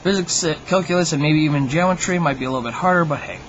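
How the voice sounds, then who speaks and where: A man's voice: fairly high pitch, very fast, a bit bright, highs cut off, a little hiss or hum. A man hosting his own video, delivering a humorous monologue to viewers in a wry, mock-opinionated, tongue-in-cheek way. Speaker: video host.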